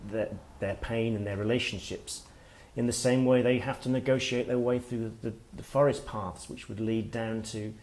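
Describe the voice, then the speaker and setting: A middle-aged man, an author giving a workshop talk, speaking in a reflective, halting way as he thinks aloud. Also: mid-range voice, fairly even intonation, a little mellow, a little hiss or hum. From Wales. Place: workshop room with listeners.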